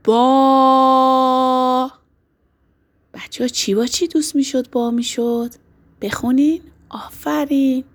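A woman teacher leading a dictation lesson for young boys, affectionate and encouraging, drawing out letters and words slowly. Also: sits high, mellow, breathy edge. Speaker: primary school teacher.

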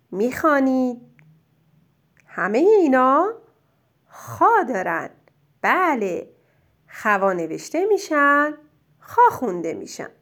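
A woman teaching a child spelling, dictating words slowly and clearly and praising their answers. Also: on the high side. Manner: slow, drawn-out dictation of single words; gentle, encouraging teacher talk.

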